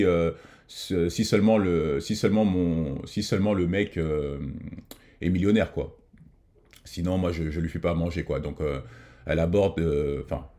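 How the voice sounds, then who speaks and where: A man's voice: extremely low pitch, darkish tone. A man hosting a reaction video, talking casually with many hesitations and restarts. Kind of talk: casual commentary.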